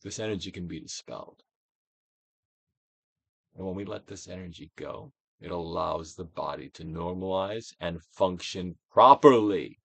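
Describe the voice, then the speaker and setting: A male actor with a low-sitting voice and vocal fry narrates a self-help audiobook with theatrical flair. He alternates between quiet near-whispers and emphatic projection, pausing on purpose, and the recording is dry.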